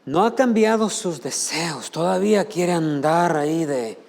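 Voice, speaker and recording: This male preacher from the United States gives a Spanish sermon in a church sanctuary, where long hall reverb fills the space. Unhurried and creaky, his high-side voice has a darkish tone as he throws rhetorical questions at the congregation and mimics others' voices.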